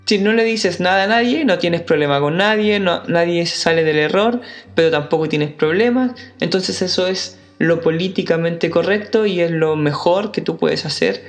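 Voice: medium pitch, lively intonation, moderate pace. A preacher delivering a sermon with emphasis, repeating key phrases to drive them home. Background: soft guitar music.

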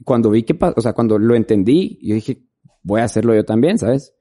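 Mellow-voiced man telling stories. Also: mid-range voice, lively intonation, fairly quick. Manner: rambling storytelling, filler-heavy. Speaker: videographer guest. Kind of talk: casual interview chat.

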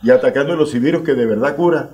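Colombian male radio host, emphatic, mellow and slightly raspy. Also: medium pitch, racing. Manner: emphatic, declamatory. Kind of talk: radio talk show. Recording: dull lo-fi radio sound.

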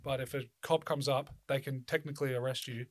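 A man's voice: mid-range voice, fairly even intonation, brisk, no echo, studio quality. An Australian man hosting a casual chat, rambling loosely and swearing freely.

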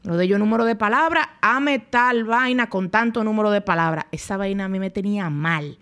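A woman's voice: medium pitch, a little fast. Blunt Dominican woman, candid chat. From Dominican Republic. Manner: blunt, colloquial, animated. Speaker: podcast guest. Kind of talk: candid conversational storytelling.

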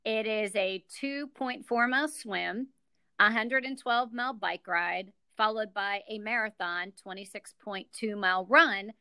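A woman's voice: medium pitch, measured pace, sharp tone, smooth, dry recording. A middle-aged American woman, a guest on a podcast, explaining things carefully in an upbeat way. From United States. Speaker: guest, executive director. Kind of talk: podcast interview.

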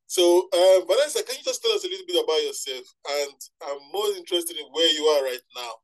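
A man hosts a casual podcast-style interview. He rambles and repeats himself in a friendly way, and his voice sits a little high for a man. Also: fast talker, rough recording. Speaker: interview host.

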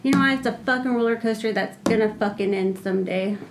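A woman's voice: fairly high pitch, quick pace, heavy background noise. A woman in her thirties co-hosting a casual podcast, blunt and ranting with constant swearing. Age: 30s. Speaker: podcast co-host.

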